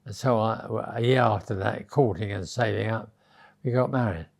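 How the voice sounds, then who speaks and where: A man's voice: fairly low pitch, moderate pace, vocal fry, darkish tone. A British man in his nineties with a very old man's voice, reminiscing conversationally and often repeating words as he searches for the next phrase. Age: 90s. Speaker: elderly interviewee reminiscing.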